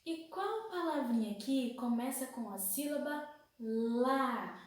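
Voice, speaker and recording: A Brazilian woman teaching young children a phonics lesson, asking slow sing-song questions and stretching out syllables. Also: high voice, lively intonation, very echoey, recorded from a distance, poor audio. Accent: Brazilian Portuguese.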